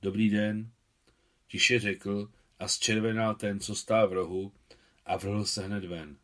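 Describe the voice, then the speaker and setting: A man, the translator, reading his own translation of a novel aloud in a calm, measured storytelling manner. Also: on the low side.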